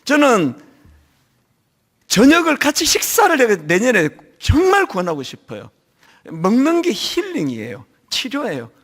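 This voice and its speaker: A middle-aged man preaching a sermon as senior pastor, telling stories in an animated way with a touch of a lingering cold. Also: very high voice, a little slow. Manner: animated storytelling, acting out quoted voices. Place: church.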